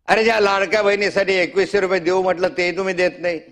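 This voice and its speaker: A man's voice: high voice, flat delivery, fast talker, fairly bright tone. A male legislator giving an impassioned, rhetorical assembly speech, accusing the government in a fiery tone. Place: state legislative assembly chamber.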